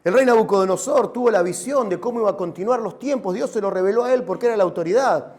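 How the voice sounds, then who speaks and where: A man with a Rioplatense Spanish accent preaching a sermon as pastor, animated and rising to shouts. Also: high voice, fast.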